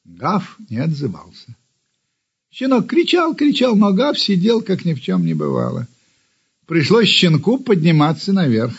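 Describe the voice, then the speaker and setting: A man narrating a children's story in an expressive storytelling manner. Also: on the high side, normal speed, breathy edge. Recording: dull lo-fi recording.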